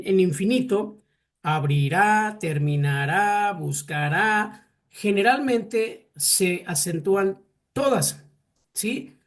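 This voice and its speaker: Hesitant Mexican man teaching a class. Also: high-pitched. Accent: Mexican Spanish. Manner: hesitant, repeats words, quizzes students. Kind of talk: classroom lesson.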